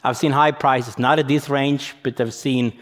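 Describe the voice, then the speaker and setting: A man's voice: mid-range voice, fairly even intonation, normal speed, fairly bright tone. A man from Sweden, giving a conference presentation and explaining things as he thinks aloud. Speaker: conference speaker. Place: conference venue hall. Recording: long hall reverb.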